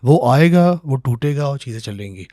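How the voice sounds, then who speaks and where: A man's voice: medium pitch, animated, normal speed, warm tone, no room sound, clean studio sound. A man with a Pakistani Urdu accent hosting a casual interview, opinionated and mixing English phrases into his talk. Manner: opinionated, mixes English phrases into Urdu, frequent agreeing hums. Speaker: podcast host.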